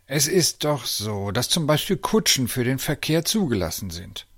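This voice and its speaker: A man's voice: medium pitch, moderate pace, no room sound, studio quality. Man voicing a chill clever uncle, polite, a bit smug, bouncy voice. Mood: persuasive. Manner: calm, polite, gently smug. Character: clever, calm older male uncle, cheerful.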